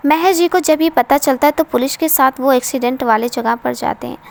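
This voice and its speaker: Brief: woman storyteller, high voice, steady earnest narration of a moral tale. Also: brisk, creaky. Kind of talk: reading an emotional story aloud.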